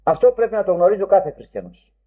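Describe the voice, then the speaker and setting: High-voiced man preaching, lo-fi. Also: very animated. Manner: emphatic, rising sharply when quoting; old-fashioned formal phrasing. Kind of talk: sermon. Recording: dull lo-fi recording.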